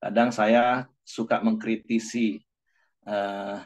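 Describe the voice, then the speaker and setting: A man's voice: fairly low pitch, flat delivery, slow. A male pastor preaching to his congregation in a conversational, informal way. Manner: conversational preaching, informal asides, sings a worship line. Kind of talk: sermon.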